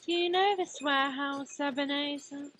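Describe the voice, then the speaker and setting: A woman playing the Ghost of Christmas Past in a radio play, a childlike spirit with a cool, solemn, measured way of questioning. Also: high-pitched, fairly even intonation, fairly bright tone, slight background noise.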